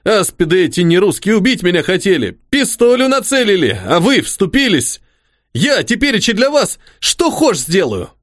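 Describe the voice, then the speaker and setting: A man voicing a devoted old soldier-servant, humble and eager, his folksy words tumbling out as he fusses over his officer. The voice sits high and swings up and down. The sound is close and dry, with no room around it. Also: very animated, normal speed, no echo. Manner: rustic folksy speech, fussing and eager. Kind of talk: audiobook character voice.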